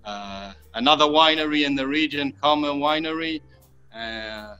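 With a phone or laptop held at arm's length, the guest winemaker, an Israeli man in his thirties, explains his craft on a casual virtual tour of an underground stone cave, often pausing and repeating himself. He sounds fairly high, pushed and bright, with a clear, resonant tone, over dull lo-fi call audio with music in the background.

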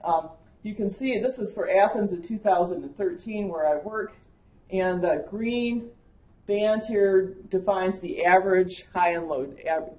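An agricultural climatologist from Michigan, USA, with a Wisconsin accent gives a conversational conference lecture, using frequent fillers. Her mid-range voice has a darkish tone, and the conference room sounds echoey.

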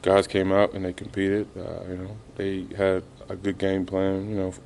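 A basketball player in his thirties fields reporters' questions after a game in an indoor arena press room, speaking haltingly and subdued, with lots of fillers. His gravelly, darkish voice sits low and stays completely flat. Reporters hold handheld mics close to him, and there's slight background noise.

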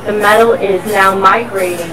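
A woman with a mid-range voice and fairly even intonation guides a tour across a busy factory floor, explaining things step by step at normal speed. The mic is somewhat distant, picking up crowd chatter along with machinery and workshop noise.

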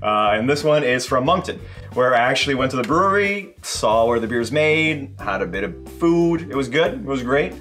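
Joking young man with lively pitch. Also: moderate pace, soft background music. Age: young adult. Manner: joking, laughs often. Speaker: beer review co-host. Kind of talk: casual chat. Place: indoor home bar.

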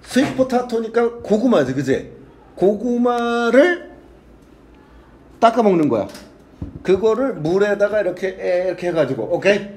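Man, high and animated, crude classroom English teacher who reads aloud then translates. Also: unhurried, long pauses. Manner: blunt and crude, swearing and joking with students. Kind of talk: casual classroom lecture.

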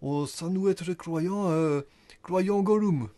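A man voicing a gruff male dwarf warrior in broken speech with a put-on Flemish accent. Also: high-pitched, takes it slowly, warm tone, voice pushed up. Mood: broken, earnest.

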